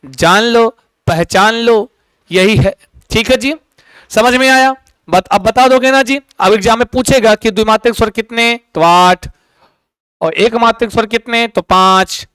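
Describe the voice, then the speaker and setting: A male teacher giving an exam coaching lecture in a lively way, often asking his students questions. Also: high-pitched, a little slow, smooth, no echo, low-quality recording.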